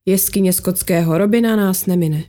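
A woman's voice: lowish voice, mellow, lightly acted. A woman reading aloud, voicing a wry male colleague in an audiobook.

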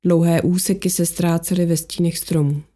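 A woman narrating an audiobook in a steady, measured storytelling manner. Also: lowish voice.

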